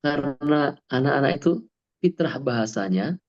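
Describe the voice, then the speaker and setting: A man's voice: medium pitch, lively intonation, moderate pace, a little mellow. A man giving a talk as a parenting coach, emphatic, asking rhetorical questions and answering them himself. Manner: emphatic, asks and answers his own questions. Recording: dull lo-fi sound.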